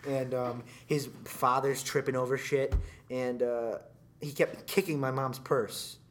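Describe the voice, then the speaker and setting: Male podcast co-host, casual rambling storyteller, mid-pitched voice, slight background hiss. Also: fairly even intonation, a little slow. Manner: rambling storytelling with many fillers and restarts. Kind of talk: casual chat.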